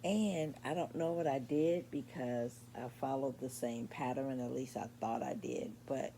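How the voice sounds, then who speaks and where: A woman in her sixties showing her crochet work in a casual vlog at home late at night, sleepy and meandering, with many pauses and ums. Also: very deep voice, vocal fry, warm tone, a little hiss or hum. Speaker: crochet vlogger. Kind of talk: casual show-and-tell vlog.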